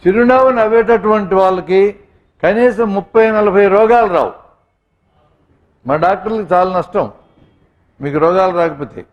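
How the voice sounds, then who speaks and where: A man's voice: high-pitched, lo-fi sound. A man, a doctor, giving a humorous talk to students, telling anecdotes and speaking straight to his audience. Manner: jokey storyteller, addresses audience directly. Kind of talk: humorous motivational speech with anecdotes.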